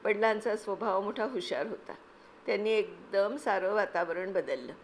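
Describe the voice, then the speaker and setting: A woman's voice: medium pitch, slight background noise. Woman reading a classic story. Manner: calm, measured, expressive. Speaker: reader, narrator. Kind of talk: literary audiobook reading.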